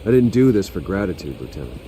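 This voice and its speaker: A man's voice: deep voice, very animated, fast, slight background noise. A man acting a wealthy, guarded American hero in a video game, firm, terse and defiant. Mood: stern. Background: loud dramatic music.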